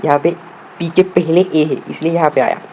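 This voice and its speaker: Mellow man teaching shorthand. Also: on the high side, fairly even intonation. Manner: asks the viewer questions, then answers them himself; spells out words slowly, letter by letter. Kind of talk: step-by-step classroom explanation. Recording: dull lo-fi audio with faint room noise.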